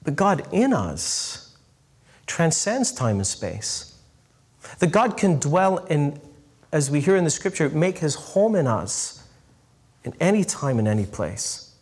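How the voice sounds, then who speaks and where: This middle-aged priest has a slightly high, husky voice and is preaching a sermon before a live congregation. He animates his stories with lively emphasis and eases his pace when landing key points.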